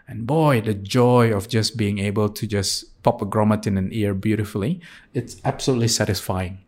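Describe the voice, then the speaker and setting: A man in his forties who grew up in Singapore talks through his answers in an unhurried, reflective interview manner. His voice sits a little low, and he often pauses with fillers and restarts his sentences before landing on a point. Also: a little mellow. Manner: thoughtful, with frequent hesitations and restarts. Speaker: surgeon guest.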